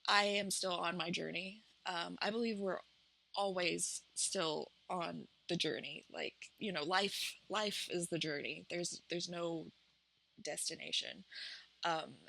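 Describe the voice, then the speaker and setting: Appalachian lady vlogging off the cuff, bright voice with lots of fry, kinda halting and thoughtful. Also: lowish voice, steady tone, low-quality recording. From Appalachian United States. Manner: halting, reflective, self-conscious. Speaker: vlog host and small business owner. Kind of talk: casual, unscripted chat to camera.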